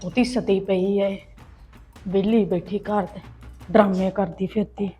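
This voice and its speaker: A woman playing a sharp-tongued sister-in-law in an amateur family drama, nagging and taunting her relative. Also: sits high, lively intonation, moderate pace, highs cut off, faint music behind. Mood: grumbling.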